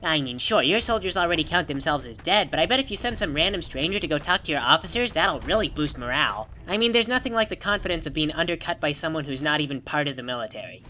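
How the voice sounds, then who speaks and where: A woman's voice: sits low, expressive, fast, few pauses, sharp tone, a little hiss or hum. A woman hosting a rambling video game commentary in a wry, sarcastic manner. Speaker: gaming video host.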